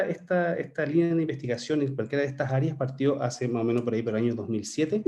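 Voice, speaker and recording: A man's voice: medium pitch, warm tone. A man giving a scientific conference lecture, explaining step by step and checking in with "¿cierto?". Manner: occasional restarts and "eh" fillers. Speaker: conference speaker, researcher.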